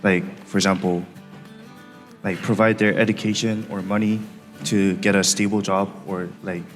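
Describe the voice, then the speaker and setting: Low, flat-voiced young student. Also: male voice, moderate pace. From South Korea. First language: Korean. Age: young adult. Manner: hesitant, fills with "like". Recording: reverberant lecture hall with background music.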